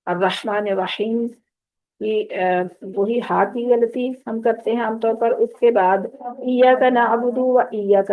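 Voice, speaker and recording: A woman with a Pakistani Urdu accent teaching Quran recitation, speaking earnestly and patiently as she contrasts right and wrong sounds. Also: fairly high pitch. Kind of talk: spoken lesson with recited examples. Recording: tinny phone-like audio.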